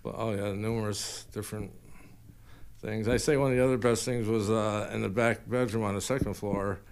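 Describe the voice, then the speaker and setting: A man's voice: on the low side, steady tone, normal speed, darkish tone, a little hiss or hum. A man telling anecdotes in a casual, colloquial, rambling way as an interview guest. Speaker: guest paranormal investigator.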